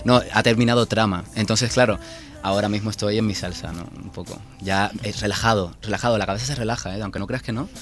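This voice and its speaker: Low-voiced, chatty man from Cuba. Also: quick pace. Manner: animated, self-mocking, chatty. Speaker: guest author and actor. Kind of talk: casual radio interview chat.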